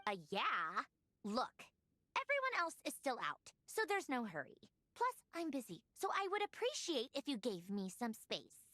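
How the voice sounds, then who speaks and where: A sharp, impatient game scientist; high, animated, sarcastic. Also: female voice, measured pace, no room sound, clean studio sound, full character voice. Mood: irritated. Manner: curt, exasperated, sarcastic. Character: irritable brilliant female scientist, impatient and sharp. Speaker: game character. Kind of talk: video game voice acting.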